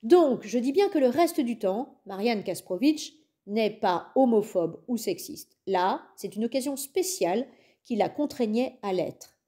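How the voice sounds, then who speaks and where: A woman reading a young-adult novel aloud as an audiobook, in calm, measured first-person narration. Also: a little high. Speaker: audiobook reader.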